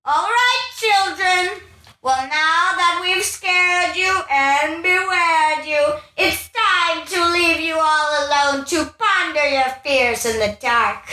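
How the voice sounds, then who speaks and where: A gleeful witch hosts a spooky radio play in a slow, theatrical sing-song. Her voice is very high and carries across an echoey room, some way from the microphone. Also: pushed and bright, full character voice. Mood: gleefully spooky. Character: theatrical witch hostess teasing children with spooky glee. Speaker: host. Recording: roomy echo, distant from microphone.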